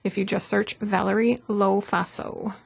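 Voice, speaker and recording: A woman author guesting on a radio talk show, speaking in a laid-back, unhurried way. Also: medium pitch, steady tone, creaky, slightly rough, no room sound. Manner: laid-back, slow, laughing easily. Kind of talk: casual radio interview.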